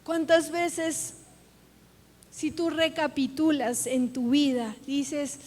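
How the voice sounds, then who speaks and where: A woman preaches a sermon in a church, her high voice carrying a long reverb through the hall. She speaks slowly and earnestly, asking her listeners questions directly as she builds her point. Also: fairly even intonation, darkish tone. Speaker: pastor. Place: church sanctuary.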